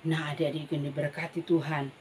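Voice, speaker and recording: A woman, teaching a children's Bible lesson in an animated storytelling manner and talking straight to the kids. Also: low voice, a little fast, a little hiss or hum. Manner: animated, addresses the children directly.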